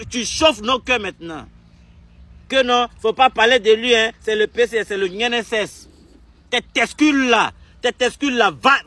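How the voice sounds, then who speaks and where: A young man from Togo, delivering an angry political rant straight to camera. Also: very high-pitched. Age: young adult. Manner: furious, insulting, repetitive, shouting bursts. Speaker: activist vlogger.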